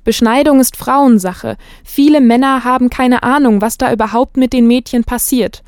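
A woman radio reporter reading a scripted narration in a measured, factual way. Her voice sits a little high, and the booth sound is dry and close. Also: fairly even intonation, darkish tone, smooth, dry recording.

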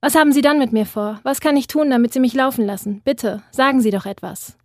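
A woman voicing a frightened male captive in a reading, pleading in a raised, strained voice that sounds too high for a grown man. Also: fast talker, no room sound, studio quality, natural voice. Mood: pleading, panicked.

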